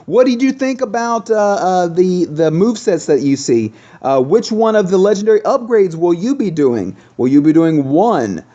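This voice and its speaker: A gaming channel host reviews a game casually, thinking aloud as he talks in a conversational style. His high voice has a dark tone and a sing-song lilt, moving at a moderate pace with few pauses, and the recording sounds dull and lo-fi.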